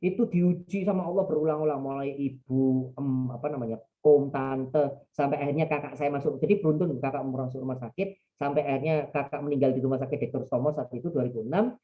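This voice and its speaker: A man's voice: medium pitch, fairly even intonation, fairly quick. East javanese guy preaching in a webinar, rambly storytelling, muffled call audio. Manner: chatty, digressive storytelling. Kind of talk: religious talk in a webinar. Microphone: online call mic.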